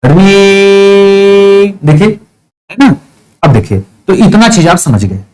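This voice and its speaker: A man's voice: a little high, very animated, measured pace, a little mellow, husky, faint music behind, poor audio. A male teacher with an eastern Uttar Pradesh Hindi accent, giving a classroom grammar lesson, explaining step by step, asking questions and answering them himself, and drawing out vowel sounds as examples.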